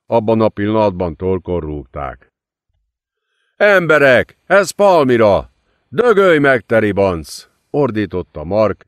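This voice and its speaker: A man's voice: lowish voice, clean tone, no room sound, clean studio sound. A man reading an audiobook with dramatic narration. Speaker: audiobook reader.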